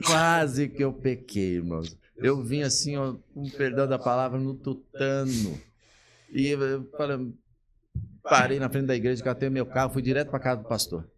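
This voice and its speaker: A man's voice: medium pitch, normal speed. A man, a pastor telling a personal story as a podcast guest, acting out the people he quotes. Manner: animated, acts out the people he quotes. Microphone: podcast studio mic.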